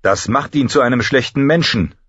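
A man's voice: mid-range voice, moderate pace, a bit bright, slightly rough, dry recording, lo-fi sound, voice pushed up. A man voicing a grave, stubborn young lord who speaks firmly and grimly. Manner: firm, grim.

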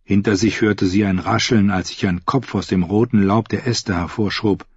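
A man reading a fantasy audiobook in a steady, measured narration. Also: lowish voice, slightly rough, dry recording. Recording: dull, lo-fi and dry.

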